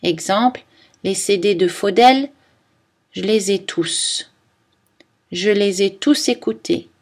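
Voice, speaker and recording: A woman gives a scripted pronunciation lesson at an unhurried, deliberate pace. She reads example words one at a time with careful, measured delivery. Her pitch sits in an ordinary middle range. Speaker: French pronunciation teacher.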